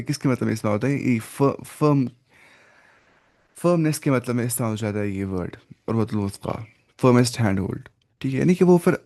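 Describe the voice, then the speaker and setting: A man teaching a Quran lesson in Urdu, explaining word meanings step by step, asking and answering his own questions, slipping in English words and reciting Arabic phrases slowly. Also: mid-range voice, mellow.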